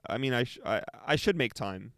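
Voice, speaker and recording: A man's voice: mid-range voice, animated, a little fast, fairly bright tone, dry recording. Chatty young man, dry close sound. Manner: chatty, laughs often, trails off mid-sentence. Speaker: podcast co-host. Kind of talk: casual chat.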